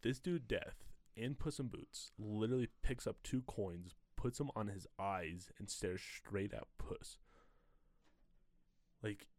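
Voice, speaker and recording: A young man with a lowish voice in a dry, close recording. He chats casually as a podcast co-host, full of bro slang and firm opinions. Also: takes it slowly, a little mellow, dry recording. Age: young adult. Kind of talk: casual chat.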